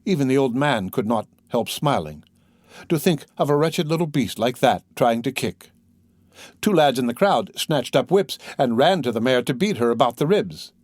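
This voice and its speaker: A male narrator reads a classic novel with dramatic expression and a lively, varied pitch. His voice sits in a middle register. The recording is dry and close, with no room sound. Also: normal speed, dry recording. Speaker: audiobook narrator.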